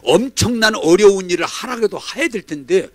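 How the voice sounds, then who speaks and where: A pastor voicing servants who gently reason with their angry master. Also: male voice, sits high, lively intonation, brisk, no room sound, pitched above the performer's own voice. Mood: pleading. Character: humble male servants pleading with their master.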